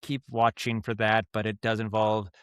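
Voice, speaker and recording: On the low side, his clear, resonant voice moves at a normal speed in a dry, studio-quality recording. A podcast guest from Maine who directs and writes audio dramas, he speaks with an American accent. He rambles through casual stories, acting out lively asides.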